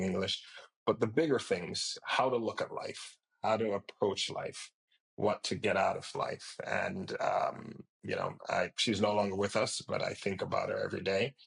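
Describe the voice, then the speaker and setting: A middle-aged man from Jamaica with a very deep voice and a gravelly texture. He answers interview questions as a company founder. His speech is measured and reflective, dotted with fillers. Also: flat delivery, fairly bright tone, poor audio. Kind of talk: podcast interview.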